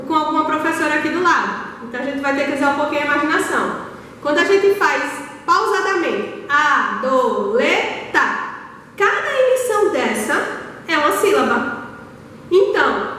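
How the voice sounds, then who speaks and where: A Brazilian woman teaching schoolchildren, her high voice ringing through a long, cavernous reverb. She stands well back from the mic and talks patiently, sounding words out slowly and checking in often. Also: a bit bright, slight background noise. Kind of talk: recorded lesson for young children. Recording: very echoey hall, voice far from the mic.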